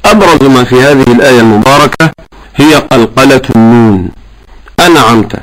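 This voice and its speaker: A man teaching correct Quran recitation, explaining patiently and chanting verses slowly to demonstrate. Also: mid-range voice, animated, poor audio.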